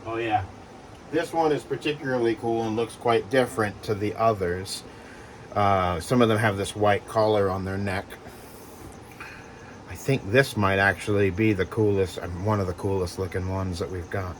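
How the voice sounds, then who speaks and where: A man who breeds reptiles talks casually in a vlog while handling geckos, with lots of fillers and soft reassurances to the animals. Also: lowish voice, normal speed, slight background noise. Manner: rambling, filler-heavy, coos softly to the geckos.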